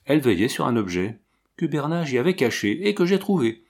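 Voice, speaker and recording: A man's voice: medium pitch, sing-song, brisk, darkish tone, husky. An ardent young officer speaks with earnest urgency, as a man reads him aloud. He is wounded yet passionate, pressing his points plainly. The voice stays close to a reader's own. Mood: earnest, urgent.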